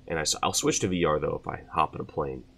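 A man's voice: very deep voice, fast talker, vocal fry, fairly bright tone, breathy edge. A young man hosting his channel, answering viewer questions in a loose, rambling way with lots of fillers. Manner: rambling, many fillers, laughs at himself. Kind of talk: casual Q&A chat.

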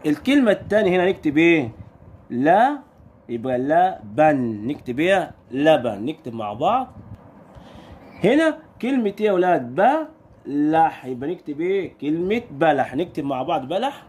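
A man with an Egyptian Arabic accent teaching young pupils their letters, stretching sounds out slowly and firing quick questions at the children. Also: fairly high pitch, big pitch swings, darkish tone, a little hiss or hum. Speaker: primary school Arabic teacher. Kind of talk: recorded lesson for young children.

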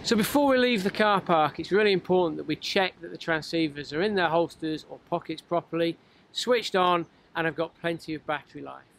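A middle-aged man, a mountain guide giving clear, upbeat instructions outdoors. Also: fairly high pitch, brisk, a bit bright, slight background noise.

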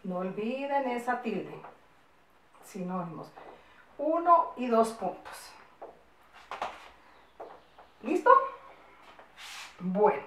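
Woman teacher for small kids, fairly high and very lively pitch, slow careful dictation, echoey room, mic at a distance. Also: noisy background. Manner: patient dictation, lots of diminutives, coaxing questions. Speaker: primary school teacher. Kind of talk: recorded class for young children.

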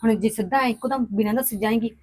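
A woman's voice: on the high side, a little mellow, lightly acted. An actress playing a worried adult daughter who scolds her brother in a family drama. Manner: argumentative, quick to scold. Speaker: daughter and sister. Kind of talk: scripted family drama acting.

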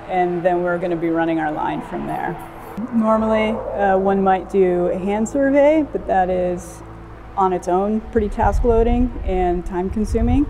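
A woman's voice: mid-range voice, darkish tone. Casual woman diver with ums. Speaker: cave diver. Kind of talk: documentary interview. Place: outdoors in a forest. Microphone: lapel.

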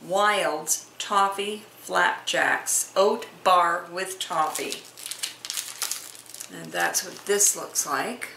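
A middle-aged woman vlogging a casual snack taste test, chatty and homey, thinking aloud as she goes. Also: medium pitch. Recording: echoey room with clear noise.

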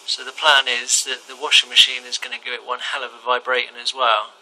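A man's voice: mid-range voice, a little fast, low-quality recording. A man casually explaining a hobby project in informal, colloquial speech, filming on a handheld device in a kitchen. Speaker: hobbyist demonstrating a homemade project. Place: small domestic kitchen, indoors. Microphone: handheld phone or camera behind the lens. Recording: steady machine hum behind the voice.

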